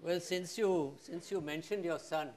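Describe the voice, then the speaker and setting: Older man, measured interviewer, somewhat high voice, lapel mic. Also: a little mellow. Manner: measured, polite questioning. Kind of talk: on-stage interview.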